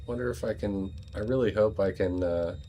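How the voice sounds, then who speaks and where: A man's voice: on the low side, moderate pace, dark tone, a little hiss or hum. An American man giving casual, rambling gameplay commentary with joking asides. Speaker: let's play host.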